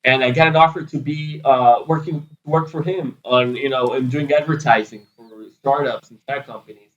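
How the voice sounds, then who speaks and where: A man's voice: mid-range voice, steady tone, moderate pace, dull audio. A man in his thirties from Israel, answering interview questions in a loose, rambling way full of fillers. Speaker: podcast guest, PR agency founder.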